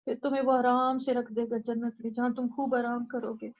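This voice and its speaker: Woman, Quran teacher, urgent exhorting lecture, fairly high voice, dull lo-fi sound. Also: level tone, a little fast. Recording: dull lo-fi recording.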